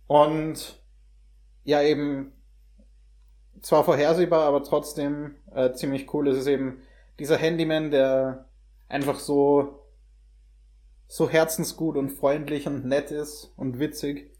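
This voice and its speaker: His voice is a little high and level, somewhat dark, slow, and broken by long pauses. A young adult host, he talks casually about movies, hesitating as he looks for words and slipping in English slang.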